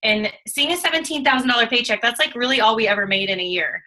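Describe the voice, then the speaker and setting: A woman in her thirties telling her own story in a casual, animated way, acting out what she and others said. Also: fairly high pitch, fast talker, low-quality recording. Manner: animated, emotional storytelling with quoted asides. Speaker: network marketing distributor. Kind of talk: casual testimonial chat.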